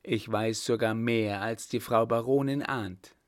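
A man's voice: on the low side, fairly even intonation, unhurried, dry recording, clean studio sound, natural voice. A man reading as an earnest young hussar officer. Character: young Prussian hussar lieutenant, earnest and steady.

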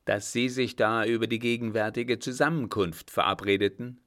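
A man's voice: fairly low pitch, moderate pace, natural voice. A man reading a sneering, scornful old captain. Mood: threatening. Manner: mocking, harsh, loud.

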